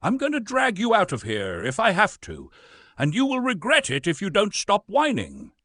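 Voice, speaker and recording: A bullying old wizard, as a man acts him out, scolding in a raised, roaring voice that swings widely in pitch. The tone is husky and dry, read close for a storybook. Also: huge pitch swings, moderate pace, fairly bright tone, dry recording, exaggerated voice. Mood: threatening. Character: furious old male wizard, bullying and stern.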